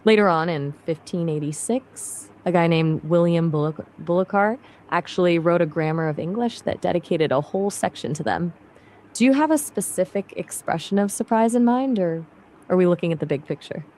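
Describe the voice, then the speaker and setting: Chatty upbeat AI woman, lowish voice. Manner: upbeat, chatty, quick and lively. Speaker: AI voice assistant. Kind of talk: casual conversational chat.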